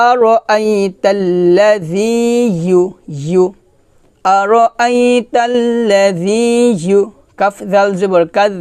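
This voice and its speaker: A man teaching recitation, spelling out each syllable patiently and drawing the verses out in a slow chant between brisk explanations. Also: high voice, a little mellow, clear, resonant tone, no echo. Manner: patient, repeats syllables for students to follow.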